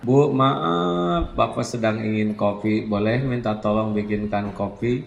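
A man's voice: fairly low pitch, a little slow, creaky, recorded from a distance, muffled recording, a little hiss or hum. A man playing a husband who asks his wife to make coffee. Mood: polite. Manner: impatient and bossy, then polite. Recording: echoey hall, faint ambience.

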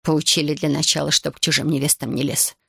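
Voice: mid-range voice, little pitch movement, brisk, vocal fry, sharp tone, husky, no echo, clean studio sound, heavily acted. An audiobook reader voicing an older mother who scolds sharply and reproachfully. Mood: bitter.

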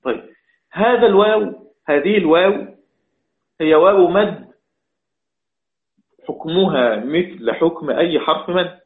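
Pitched high, the male Quran recitation teacher keeps a measured pace broken by long pauses. He questions aloud, answers himself, and drives each point home by repeating it. The recording sounds echoey and thin, like a phone call.

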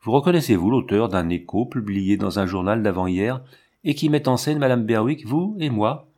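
A man's voice: fairly low pitch, lively intonation, normal speed, darkish tone. A man reading a stern, commanding count. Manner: curt, imperious, menacing. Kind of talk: audiobook narration.

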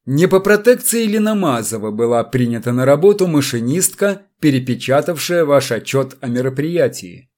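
A man doing a cool, measured captain. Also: medium pitch, lively intonation, a little mellow, natural voice. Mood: cold. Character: calm, clean-shaven male captain, cold and methodical.

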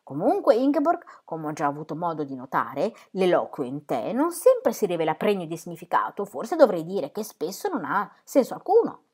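A man's voice: sits high, huge pitch swings, normal speed, few pauses, a little mellow, slightly rough, full character voice. A woman voicing a cold, pedantic middle-aged pastor who talks down to his wife in a stiff, formal way. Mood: icily pedantic. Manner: coldly formal, condescending.

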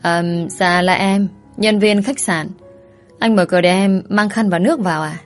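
A woman's voice: medium pitch, fairly even intonation, moderate pace, faint music behind, lightly acted. A woman reading a story, voicing a timid young hotel worker who speaks politely and hesitantly. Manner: hesitant, deferential.

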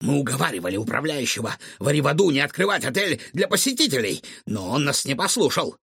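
A man voicing an excitable bearded male cook who blurts out indignant outbursts. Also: mid-range voice, quick pace, gravelly, husky, dry recording, clean studio sound, heavily acted. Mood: explaining.

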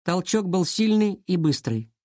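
A reader narrating a children's school detective story in an even, lightly dramatic way. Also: mid-range voice, unhurried, no room sound, studio quality. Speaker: audiobook reader.

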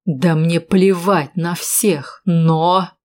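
A woman's voice: fairly low pitch, fairly even intonation, extremely slow, a little mellow. A woman reading an audiobook, voicing an irritable hard-drinking man who hisses threats through his teeth. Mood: angry, menacing.

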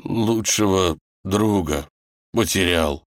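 A man voicing a loyal, flustered talking grey wolf in a storybook reading, hurried in manner. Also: lowish voice, sing-song, creaky, fairly bright tone, no room sound, studio quality, voice pushed up, full character voice.

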